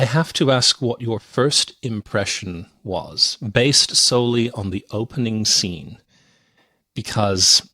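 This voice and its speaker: A man hosting a film podcast, recapping scenes in a lively storytelling way and laughing now and then. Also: lowish voice, no echo, studio quality. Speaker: podcast host. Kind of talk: casual film review chat.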